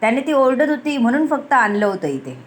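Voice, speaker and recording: Woman narrator, higher pitch, storybook reading, voices the dialogue. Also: big pitch swings, a little fast. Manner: acts out the dialogue, switching voices between characters. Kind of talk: reading a romance story aloud.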